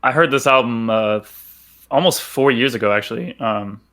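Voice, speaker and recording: A man's voice: medium pitch, moderate pace, fairly bright tone. A young man co-hosting a podcast in casual chat, laid-back with lots of fillers and some swearing. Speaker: podcast co-host.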